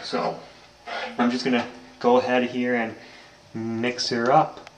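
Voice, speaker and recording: In a completely flat, medium-pitched voice, a young man takes his time walking through a home recipe in his kitchen. He's a home cooking vlogger rambling casually with many ums, filmed on a handheld camera whose mic catches kitchen echo and faint noise.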